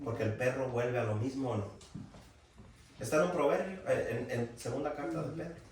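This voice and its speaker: A man preaching a sermon in a folksy, animated way, raising his voice for emphasis. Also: mid-range voice, moderate pace, slight background noise. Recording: very echoey room, from far off.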